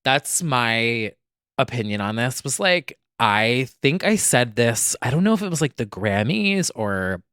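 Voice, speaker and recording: Excitable man in dry, casual podcast chat. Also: medium pitch, measured pace, clear, resonant tone, no echo. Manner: excitable, emphatic, heavy use of "like" and swearing. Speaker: podcast co-host. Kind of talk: casual pop culture chat.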